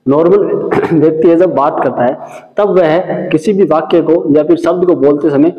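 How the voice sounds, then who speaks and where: A man's voice: fairly high pitch, normal speed. Lecturing man in an echoey hall. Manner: repeats and explains points, frequent "ठीक है" check-ins. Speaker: teacher. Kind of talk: classroom lecture. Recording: echoey hall, dull lo-fi sound.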